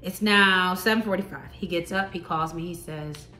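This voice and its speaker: A woman's voice: lowish voice, normal speed, soft background music. Chatty woman in her thirties, roomy echo. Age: 30s. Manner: animated, chatty, talks straight to viewers. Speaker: vlogger telling a personal story. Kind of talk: casual storytime vlog.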